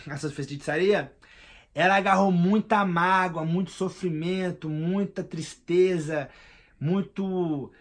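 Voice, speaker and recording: A man tells a personal story in a lively, slangy way, calling the listener "cara". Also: high voice. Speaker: vlogger.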